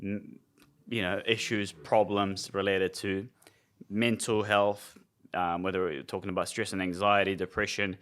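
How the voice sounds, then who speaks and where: A young adult man from Iraq, a nutrition coach co-hosting a casual podcast, explains things conversationally with plenty of fillers. His voice sits low with a fairly bright tone, moving little in pitch and never hurrying.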